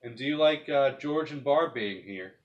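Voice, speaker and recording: A man leading a paranormal session, speaking casually and haltingly as he puts questions to a spirit. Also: mid-range voice, animated, dull audio.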